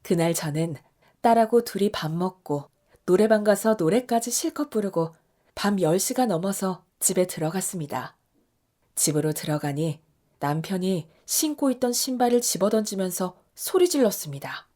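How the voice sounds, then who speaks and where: A woman in her fifties narrating a scripted radio story in the first person. Her voice sits at a middling pitch for a woman. She tells it in an emotional, confiding manner. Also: expressive, normal speed, mellow.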